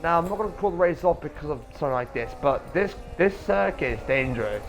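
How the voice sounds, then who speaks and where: A man doing live motor racing commentary as an informal race caller, chatty between moments of action and rising excitedly with it. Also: a little high, fast talker, faint music behind. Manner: informal, chatty streamer-like asides. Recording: noisy audio with vehicle sounds.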